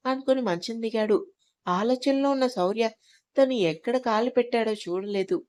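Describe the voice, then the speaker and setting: A woman narrating an audio drama story in a calm, even storytelling manner. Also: fairly high pitch, moderate pace.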